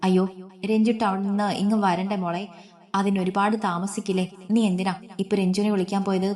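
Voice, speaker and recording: A woman voicing a worried older grandmother who frets and scolds in quick, anxious speech. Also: medium pitch, flat delivery, a little mellow, close to an everyday voice. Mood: fretful.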